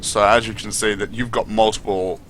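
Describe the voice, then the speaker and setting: A man's voice: on the low side, steady tone, normal speed, fairly bright tone, a little hiss or hum. A man giving unscripted, opinionated game review commentary as a video host, speaking bluntly with casual swearing.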